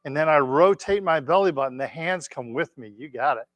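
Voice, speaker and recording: Male tai chi instructor, slightly high voice, dry sound, gentle and unhurried step-by-step class cues. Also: animated, dry recording.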